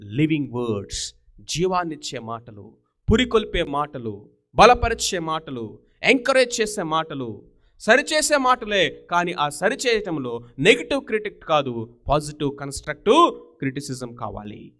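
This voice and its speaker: A man's voice: a little high, big pitch swings, measured pace, fairly bright tone. A man preaching a sermon, asking his listeners rhetorical questions and mixing English words into his talk.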